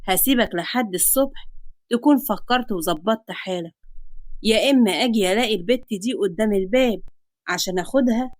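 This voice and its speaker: A woman's voice: mid-range voice, no room sound, close to an everyday voice. A woman voicing a taunting Egyptian psycho man. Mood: mocking menace. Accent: Egyptian Arabic. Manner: taunting, sarcastic, slow and threatening. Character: menacing self-styled psycho young man, mocking.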